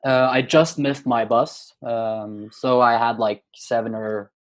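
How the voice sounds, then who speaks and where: A Norwegian man in his twenties, a guest poet, answers interview questions casually and hesitantly, with many fillers and restarts. His voice is medium-pitched with fairly even intonation, and he speaks slowly.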